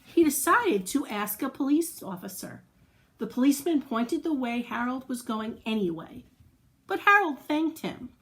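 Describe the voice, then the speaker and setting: This high-voiced woman speaks at a normal pace in a sing-song way, with a fairly bright tone. She's reading a story to young kids and chatting with them, encouraging them with easy explanations and questions.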